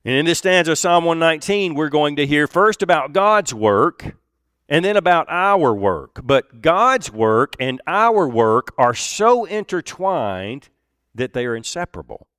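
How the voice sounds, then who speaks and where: A man preaching a sermon, earnest and deliberate, with pauses and emphatic repeats. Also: a little high, big pitch swings, fairly bright tone, smooth, no room sound, studio quality. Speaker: pastor.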